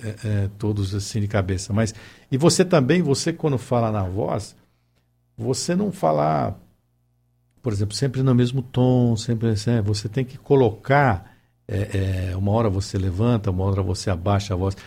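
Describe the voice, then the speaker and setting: A man's voice: lowish voice, moderate pace, creaky, warm tone, slightly rough. A man talking in a casual conversation, hesitant, with many fillers and restarts.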